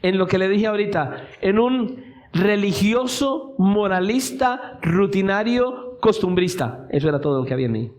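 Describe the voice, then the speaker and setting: A male preacher with a high-pitched voice delivers a sermon in a church. He speaks with fervor, and his voice climbs into shouted appeals. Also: expressive, normal speed. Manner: impassioned, rising to shouted pleas.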